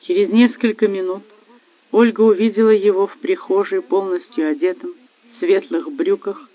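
A man narrating an audiobook with a steady, measured reading. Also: high voice, no echo. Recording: dry, phone-like lo-fi.

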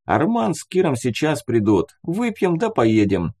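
An easygoing young student who chats and jokes in loose banter, as a man puts him on with his voice pushed up high. The voice is mellow and swings widely in pitch. It sounds like an audiobook character. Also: big pitch swings, a little slow, breathy edge, exaggerated voice. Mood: matter-of-fact. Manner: casual, chatty banter.

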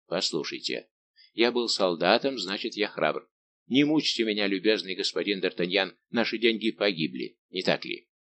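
A middle-aged grocer and old soldier, quiet and hushed in his speech, as a male reader gives him voice. His tone sits low, and he stays soft rather than loud. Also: expressive, moderate pace. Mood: anxious.

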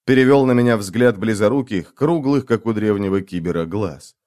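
A man narrating a dramatic audiobook in an expressive, first-person storytelling manner. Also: on the low side, normal speed.

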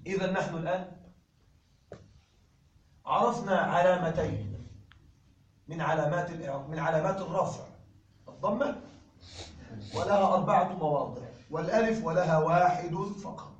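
A man teaching grammar to a class, speaking in a high voice and stretching out his examples for emphasis. He keeps checking that students follow along. The sound is roomy and distant, with a faint hiss behind it. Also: dull audio. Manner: slow emphatic dictation of examples, checking understanding. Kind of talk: classroom lecture. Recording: echoey room recorded from a distance.

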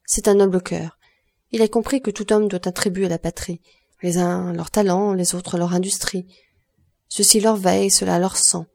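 A woman's voice: lowish voice, fairly even intonation, moderate pace, creaky, darkish tone. A woman reading the part of a grave, composed count who speaks solemnly and consolingly in a storybook.

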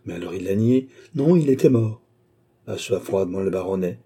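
A man's voice: low-pitched, fairly quick. A man reading as a cool scheming baronet. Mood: calm. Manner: calm, cool and smooth. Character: cold scheming aristocratic male baronet.

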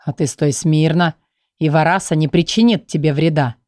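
A woman voicing a calm, strong young werewolf man who speaks in an unruffled, dry, lowered voice. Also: moderate pace, no room sound, natural voice.

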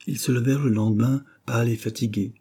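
A man narrating a classic novel as an audiobook in a steady storytelling manner. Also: medium pitch, quick pace, slightly rough.

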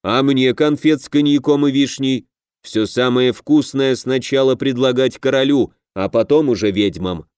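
A man's voice: mid-range voice, normal speed, a little mellow, clean tone, no room sound, clean studio sound, lightly acted. A man voicing a grand, self-important half-orc pirate who would be king in an audiobook. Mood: commanding.

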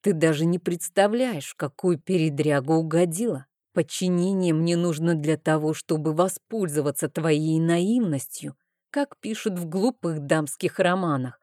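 A woman reading the part of a smug, self-assured young nobleman who talks in a slow, lazy drawl. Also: sits low, dark tone, no room sound, clean studio sound, lightly acted. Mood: mocking.

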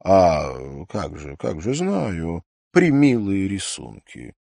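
A man reading an audiobook, voicing a reserved young man in love who speaks tersely and quietly. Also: low voice, huge pitch swings, takes it slowly, vocal fry, no echo, exaggerated voice. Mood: subdued. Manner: subdued, terse.

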